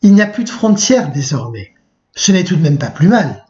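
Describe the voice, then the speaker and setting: A man reading aloud the lines of a calm, persuasive young woman from a novel. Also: a little high, normal speed. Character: young woman, Kate, defending her orderly world. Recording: muffled lo-fi recording.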